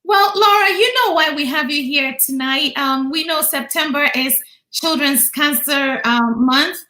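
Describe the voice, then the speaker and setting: A woman hosting a casual interview over a video call, her voice slightly hoarse. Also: high voice, a little slow, bright, forceful tone, roomy sound. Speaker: talk show host. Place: indoors on an online call.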